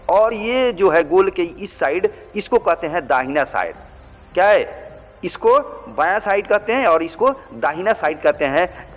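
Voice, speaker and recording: High-voiced man teaching in a hall. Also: a bit bright. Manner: patient, repetitive, checks with "ठीक". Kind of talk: blackboard language lesson.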